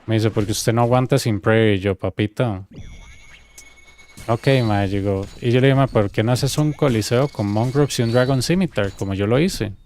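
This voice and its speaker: A man with a Costa Rican accent chatting on a gaming stream, telling an animated story and acting out quoted dialogue. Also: lowish voice, moderate pace. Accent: Costa Rican Spanish. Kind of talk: casual gaming stream chat.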